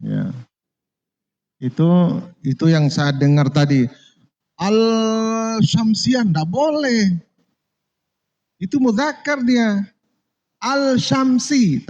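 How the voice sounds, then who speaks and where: A man with an Indonesian accent teaching Quran recitation in a mosque, slowly repeating terms and correcting his students. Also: on the high side, mellow. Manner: slow and repetitive, correcting students, drawing out Arabic terms. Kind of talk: relaxed classroom lesson. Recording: dull lo-fi recording.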